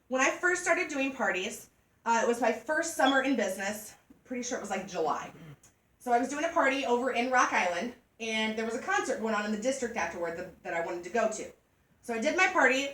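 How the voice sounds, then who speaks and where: A woman giving a joking, animated sales demonstration to a group of women. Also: a little high. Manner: chatty, joking, animated storytelling. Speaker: party product consultant. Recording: echoey room from far off.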